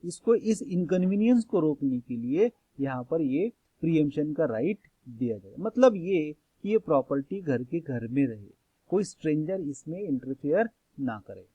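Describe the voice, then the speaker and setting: A man's voice: a little high, big pitch swings, moderate pace, warm tone, slightly rough, dry recording, muffled recording. A man teaching a law lecture, explaining step by step, repeating key terms and mixing in English phrases.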